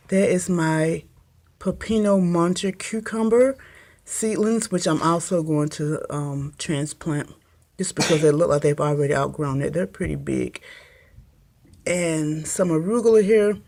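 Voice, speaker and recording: A woman's voice: on the low side, slow, pauses often, darkish tone. A woman giving a casual home video tour of her small greenhouse, chatty and meandering, with many ums, recorded on a handheld phone. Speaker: gardening vlogger. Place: small makeshift greenhouse, indoors.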